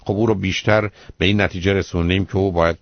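A man with a low, gravelly voice talks callers through their problems on a radio call-in show. He explains calmly and warmly addresses them as dear. The sound is dull and lo-fi, like an old broadcast. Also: dry recording. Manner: calm, explanatory, calls listeners "dear". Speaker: psychologist answering callers.

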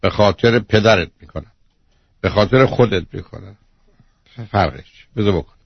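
A man's voice: low voice, expressive, vocal fry, slightly rough, no echo. A man hosting a call-in advice show as a psychologist, talking bluntly and lecturing the caller. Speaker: radio psychologist host. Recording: dull lo-fi radio audio.

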